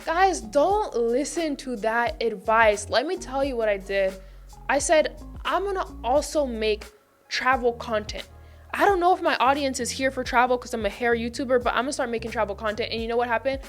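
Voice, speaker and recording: A woman's voice: a little high, animated, a little fast, faint music behind. A woman YouTube coach giving sassy, emphatic advice straight to camera. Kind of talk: direct-to-camera vlog advice.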